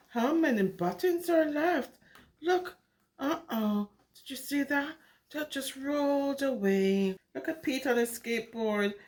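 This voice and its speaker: A children's storyteller with a high voice reads a picture book aloud to young kids, taking her time at an unhurried pace. Her animated, interactive reading is singsong and exclamatory, swinging widely in pitch as she asks her little audience questions.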